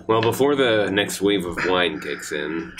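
A man playing a tabletop role-playing game, improvising comically and haltingly in character over loud music. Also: low voice, animated, crowd noise.

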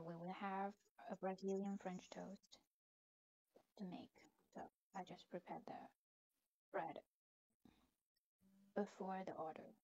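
A woman's voice: fairly low pitch, darkish tone, dull audio. A woman narrating her mobile game play, thinking aloud with hesitant fillers and often dropping into a near whisper. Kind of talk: casual gameplay commentary.

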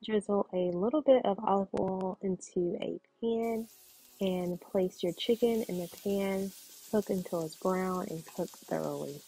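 A woman narrating her cooking video in voice-over, calmly explaining each step. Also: medium pitch, a little slow, breathy edge. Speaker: cooking vlogger.

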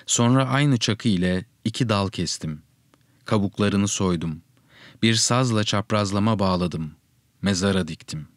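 A man narrating a first-person story in a steady, reflective reading style. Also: lowish voice, unhurried, dry recording, studio quality.

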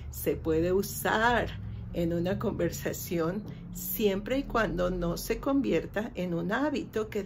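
A woman's voice: medium pitch, vocal fry, a little mellow, a little hiss or hum. A woman with a Mexican Spanish accent, teaching an English lesson and patiently translating song lyrics phrase by phrase.

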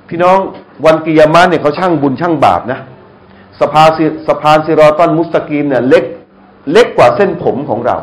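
A middle-aged man giving a lively sermon to a live audience, often asking them questions and joking. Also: on the high side, poor audio. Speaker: Islamic lecturer. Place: restaurant hall, live audience.

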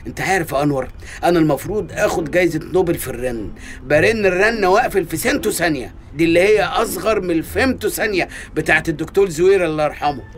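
Fast-talking Egyptian shopkeeper, a man acting. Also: a little high, background noise, close to an everyday voice. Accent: Egyptian Arabic. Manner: fast, teasing, wheedling. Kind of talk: comic radio drama.

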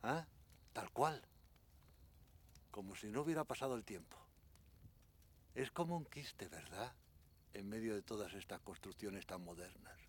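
A man's voice: on the low side, breathy edge. An actor from Spain playing an older, bitter, mocking man haunted by what he witnessed, in a film drama. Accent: Spanish, from Spain. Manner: slow, insinuating, taunting, with haunted weight.

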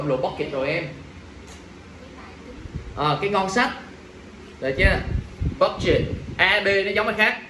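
A man's voice: a little high, fairly bright tone. A male teacher running an exam review lesson, drilling his students with constant check-in questions in a classroom. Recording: echoey room, mic at a distance, faint ambient noise.

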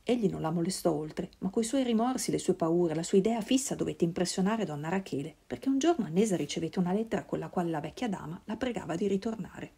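A woman reading a literary novel aloud in a measured, solemn way. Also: on the low side, lively intonation, gravelly, warm tone, husky. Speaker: reader.

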